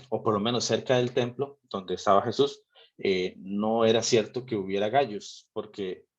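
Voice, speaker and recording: A man's voice: lowish voice, a little slow, muffled recording. A man from Rica, reading scripture aloud and patiently explaining it in a Bible study talk. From Costa Rica. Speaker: theology group speaker.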